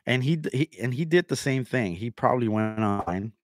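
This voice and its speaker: A man's voice: mid-range voice, animated, a little fast, no room sound, clean studio sound. A man hosting his own channel, ranting with mocking sarcasm and repeating himself as he calls out a rival. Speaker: channel host. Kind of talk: ranting commentary.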